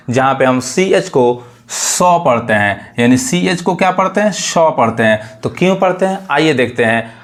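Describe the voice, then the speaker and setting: A man teaching English pronunciation, who explains step by step and asks and answers his own questions. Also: medium pitch. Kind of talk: pronunciation lesson.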